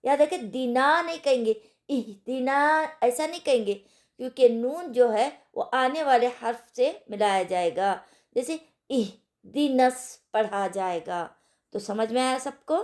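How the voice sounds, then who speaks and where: A woman teaches an online recitation lesson at a slow, unhurried pace. Her voice sits fairly high, and she repeats syllables patiently, stretching out verses to show how they should sound. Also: lively intonation, darkish tone.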